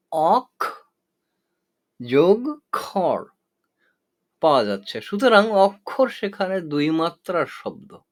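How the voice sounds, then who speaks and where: A man teaching the rules of poetic meter in a slow, measured lesson, pausing between points and now and then reciting verse. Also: a little high. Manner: slow, measured, deliberate delivery with pauses and fillers. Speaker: poetry teacher.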